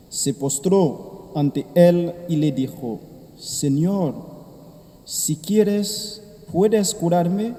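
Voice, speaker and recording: A male priest reading the Gospel and preaching with a slow, solemn delivery, heard in a cathedral echo. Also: on the high side, warm tone. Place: large church. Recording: church with long reverb.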